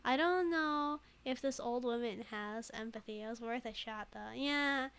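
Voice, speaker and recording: A woman's voice: a little high, measured pace, fairly bright tone, clear, resonant tone. A woman streaming a detective game, chatting playfully and laughing often. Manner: playful, giggly, reads game text aloud. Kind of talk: casual let's play commentary.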